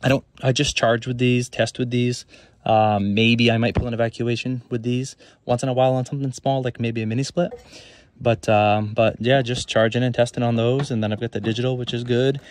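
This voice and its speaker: A man's voice: medium pitch, little pitch movement, fairly quick, dry recording. A self-employed HVAC technician giving a casual, rambling tour of the gear in his work van, listing items with many fillers.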